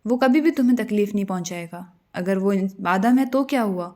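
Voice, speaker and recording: A woman voicing a calm, loyal male fairy who speaks gently and respectfully in a storybook tale. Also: medium pitch, lightly acted. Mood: soothing. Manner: soothing, respectful.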